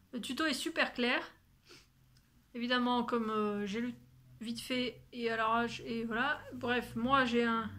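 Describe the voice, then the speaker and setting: A woman talks casually through her sewing and knitting projects, rambling as she goes and swearing lightly now and then. Her voice sits a little high and sounds bright and forceful. She sometimes drops into a quiet whisper. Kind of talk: casual chat to camera.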